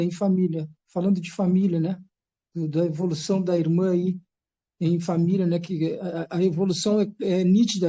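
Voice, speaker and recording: Halting man with a dull, muffled sound. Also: high voice, warm tone. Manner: halting, with many restarts. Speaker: church member asking a question. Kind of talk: live-stream Q&A.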